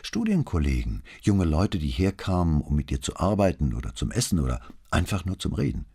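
A man's voice: sits low, wildly swooping pitch, a little fast, slightly rough, exaggerated voice. A man playing a courteous, patient detective. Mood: gently probing. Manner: gentle, polite questioning. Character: patient, courteous middle-aged male police detective.

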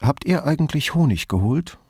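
A curious, quietly teasing woman, as a male reader puts her on for an audiobook, pitched up into a lighter register. She presses with probing questions in a warm, wry tone. The sound is close and dry. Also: expressive, moderate pace, slightly rough, no room sound. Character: thoughtful middle-aged woman, curious, wry. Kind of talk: audiobook character reading.

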